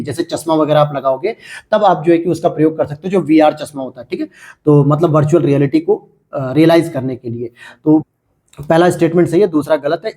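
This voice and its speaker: An exam-prep teacher with a slightly high voice and a dark tone goes over test questions. He speaks straight to his students, posing questions and then answering them himself.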